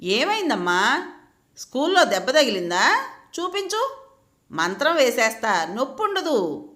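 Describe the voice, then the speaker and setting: A caring grandmother, coaxing and soothing in her storybook lines, as a woman narrator puts her on. The voice sits high and bright, with a lively lilt. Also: measured pace, exaggerated voice.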